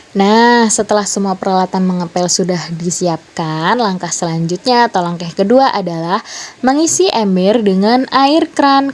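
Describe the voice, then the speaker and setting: A woman's voice: mid-range voice, darkish tone. A young woman from Indonesia, a student teacher giving a primary school lesson and patiently explaining step by step with questions to the class.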